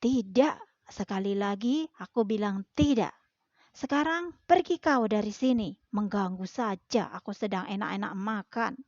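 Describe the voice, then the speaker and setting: A woman's voice: mid-range voice, steady tone, measured pace, gravelly, darkish tone, no echo, lo-fi sound. A woman voicing a greedy cat in a children's story, snapping and scolding. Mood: angry.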